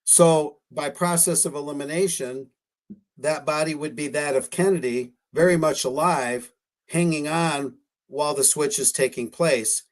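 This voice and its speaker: Male talk-show guest, a touch higher pitched, cautious and speculative, stresses he is being careful. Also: measured pace. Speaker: guest researcher discussing photos. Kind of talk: live-streamed radio talk.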